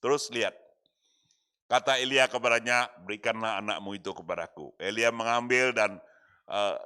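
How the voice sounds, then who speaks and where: A male pastor preaching a lively sermon at an online service, acting out the people he quotes. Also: medium pitch. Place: church or studio for an online service.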